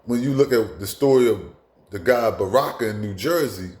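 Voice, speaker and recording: A man's voice: lowish voice, normal speed, darkish tone, reverberant. A man talking bluntly in a casual monologue as a commentator, with frequent restarts and asides. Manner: blunt, profane, repetitive with many asides and restarts.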